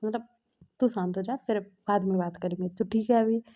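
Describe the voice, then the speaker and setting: A woman's voice: mid-range voice, fairly even intonation, normal speed, dark tone, dull audio, lightly acted. A woman voicing a caring, protective older man who speaks in a soothing, familiar way.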